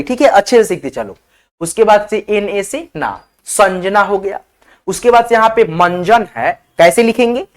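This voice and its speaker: Male teacher, patient and repetitive, walks viewers through spelling one letter at a time. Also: high voice. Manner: patient, repeats words, addresses viewers as friends. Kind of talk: spelling lesson.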